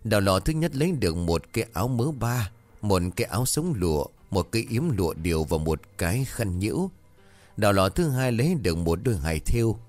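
A man narrating a folk tale in a measured, even reading. His voice is very low. Faint music runs underneath. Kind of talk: storybook narration.

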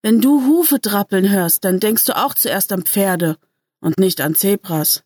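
A sarcastic young know-it-all who lectures his friends, voiced by a woman in a dry, close, slightly raised voice. He sounds sharp-tongued and easily riled in a story reading. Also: medium pitch, unhurried, slightly rough, no room sound. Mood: grumbling. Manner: sarcastic, worked-up. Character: sarcastic, moralizing young man called Doc.

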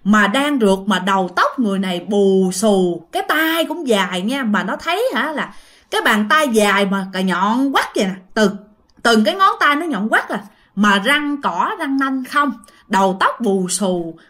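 A woman's voice: on the high side, very animated, moderate pace, a bit bright. A woman with a Southern Vietnamese accent telling a ghost story casually, chatting directly to her listeners.

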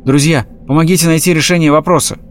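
A man's voice: a little high, steady tone, quick pace, pitched above the performer's own voice, lightly acted. A man voicing a fussy, lovesick male rat who wails and exclaims theatrically in a storybook reading. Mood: flustered.

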